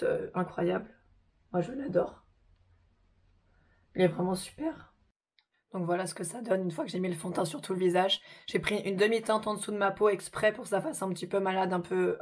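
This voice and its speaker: Hoarse, chatty woman vlogger. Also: medium pitch, darkish tone. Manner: chatty, informal, slangy. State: hoarse from a sore throat. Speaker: makeup tutorial host. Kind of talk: casual makeup tutorial vlog.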